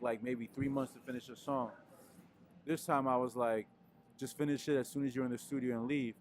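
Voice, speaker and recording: Holding a mic indoors before a wooden wall, a laid-back young Peruvian man gives casual interview answers as a musician guest. His mid-range voice comes with slight background noise, and he rambles with plenty of fillers.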